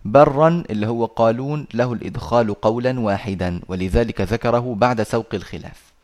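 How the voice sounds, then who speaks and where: A man teaching Quran recitation over a video call, patiently explaining and slowly reciting verses. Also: mid-range voice, darkish tone.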